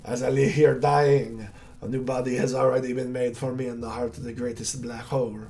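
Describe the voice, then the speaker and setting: A man's voice: medium pitch, level tone, fairly quick, mellow, close to an everyday voice. A man voicing a gloating male monster hunter villain in a game, with a theatrical, sneering drawl.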